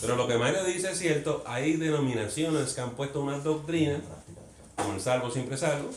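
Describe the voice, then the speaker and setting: A man's voice: mid-range voice, normal speed, slight background noise. Earnest man teaching in an echoey room. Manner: earnest, questions the group, drops English words into Spanish. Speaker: Bible study teacher. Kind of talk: conversational Bible study teaching. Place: church meeting room. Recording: echoey room with faint ambience.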